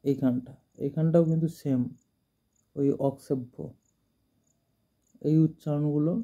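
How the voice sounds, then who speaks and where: A man recites Sanskrit mantras slowly and then explains their pronunciation in plain talk. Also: a little high, steady tone, dark tone. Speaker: devotional teacher. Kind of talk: chanting mantras and explaining them. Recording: dull lo-fi sound.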